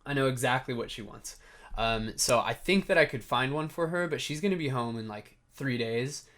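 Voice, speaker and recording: A young man with a slightly scratchy voice vlogs casually to camera, telling stories as he answers viewer questions. His voice is medium in pitch and a bit bright, and he talks at a moderate pace.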